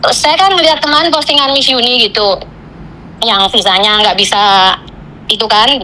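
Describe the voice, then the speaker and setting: A woman on a phone call, venting about her job in rushed, broken sentences. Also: fairly high pitch, sharp tone, a little hiss or hum. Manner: venting, tells a story in rushed fragments with Javanese fillers. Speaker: caller, migrant domestic worker. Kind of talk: casual chat.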